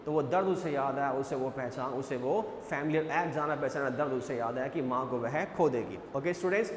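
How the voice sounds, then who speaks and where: A man's voice: medium pitch, moderate pace, reverberant, long reverb tail, slight background noise. A male English teacher with an Indian accent lecturing on a poem, switching between Hindi and English and repeating phrases as he explains.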